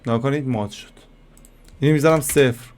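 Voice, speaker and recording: A man with a plain, mid-range voice teaches a software lesson over a screen recording. He talks casually, calls his viewers kids, and thinks out loud as he clicks, pausing to find simple ways to explain things. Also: medium pitch. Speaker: software tutorial instructor.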